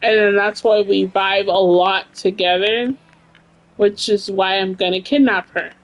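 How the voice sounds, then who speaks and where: A woman's voice: medium pitch, fairly even intonation, a little slow, lo-fi sound. A woman in her late thirties, a game streamer chatting casually with her live chat, blunt and laughing often, with plenty of swearing. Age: 30s.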